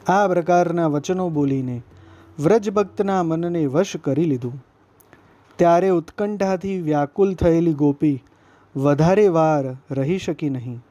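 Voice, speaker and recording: A man reading a devotional scripture text aloud as narrator, in a gentle, steady recited delivery. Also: on the high side, unhurried, no echo.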